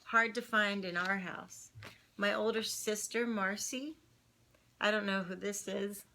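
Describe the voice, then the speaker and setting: Bright, lively woman reading a picture book. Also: mid-range voice, a little slow, vocal fry. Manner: lively, chatty, with laughing asides. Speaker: singer reading a children's book online.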